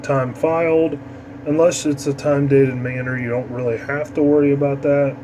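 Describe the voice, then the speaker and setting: A medium-pitched male amateur radio instructor walks through an informal tutorial step by step, speaking in a casual, halting way. A steady, clearly audible hum makes the recording noisy.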